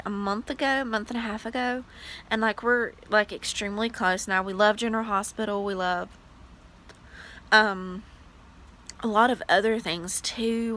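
A woman's voice: on the high side, pushed and bright, a little hiss or hum, rough recording. A woman in her late twenties chatting casually to her vlog viewers, gushing and full of "like" fillers. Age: 20s. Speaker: vlogger. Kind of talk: casual vlog chat to camera.

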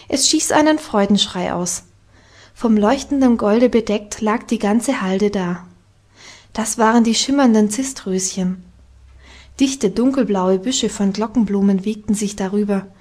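A woman narrating a classic children's novel as an audiobook, with calm, even storytelling. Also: mid-range voice. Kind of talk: scripted narration.

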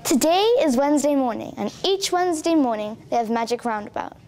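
Girl, ten, school tour guide, chatty, upbeat, high-pitched. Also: expressive, brisk, a little mellow. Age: teens. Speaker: student guide. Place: school hallways and classrooms.

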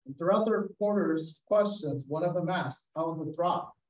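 A photographer, speaking as a guest on a video call, presents a storytelling slideshow, sharing anecdotes and acting out quotes from people. His voice is a little high, and he speaks at a moderate pace. He sits away from the mic, so the sound is roomy and distant.

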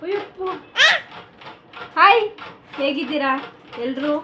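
Young woman, home vlogger, a mother chatting and scolding her little ones, higher pitch, noisy phone audio. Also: takes it slowly, bright, forceful tone. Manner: chatty, coaxing and scolding her small children. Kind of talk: casual home vlog.

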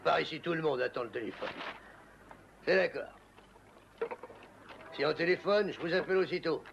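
An actor dubbing an older, folksy neighborhood shopkeeper who jokes with a customer. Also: male voice, a little high, normal speed, vocal fry, dull audio, background noise. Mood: jovial. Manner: folksy, joking.

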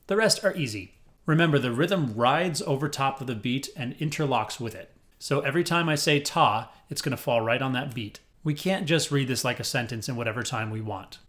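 A man teaching a music lesson, upbeat and clear, counting rhythm syllables aloud in a steady pulse. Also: medium pitch. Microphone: headphones on, desk recording.

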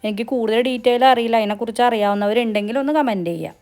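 A woman's voice: a little high, rapid-fire, darkish tone, faint music behind. A woman from Kerala with a Kerala Malayalam accent narrates a casual travel vlog, chatty and mixing English words into her Malayalam. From Kerala, India. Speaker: travel vlogger.

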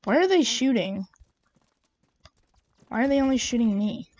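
A woman's voice: a little high, animated, normal speed, a little mellow, no echo. A woman giving chatty, exasperated running commentary over her own gameplay. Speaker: gamer. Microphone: own desk mic. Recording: dull lo-fi home mic.

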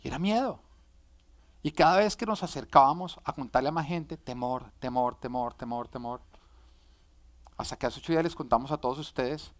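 A young man preaching as a pastor, swinging between loud urgent pleas and quiet, confessional storytelling. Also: a little high, fast. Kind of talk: sermon.

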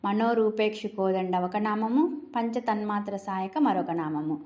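Slow, deliberate woman teaching a chant. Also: medium pitch, a little mellow, muffled recording. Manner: slow and deliberate, repeats each name twice. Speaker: recitation teacher. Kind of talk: slow step-by-step chanting lesson.

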